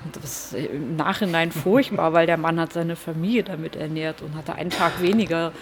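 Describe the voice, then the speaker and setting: This woman, a comic artist from Hamburg, Germany, tells her story in an interview. Her low-pitched voice moves fairly quickly, reflective and dotted with hesitant fillers, over a slight hiss or hum.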